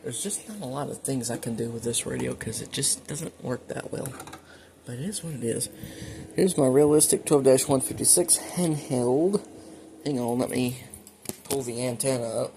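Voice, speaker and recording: A man with a warm, medium-pitched voice and some vocal fry talks at a moderate pace through a casual show-and-tell of his collection, tossing in muttered asides. The home recording is noisy, with weather radios playing behind him.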